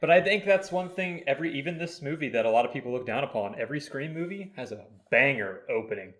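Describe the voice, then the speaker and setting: A man in a casual podcast movie review, talking at a middle pitch. He animatedly walks through a scene beat by beat, leaning on fillers as he goes. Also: expressive, fast, a bit bright. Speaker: podcast co-host.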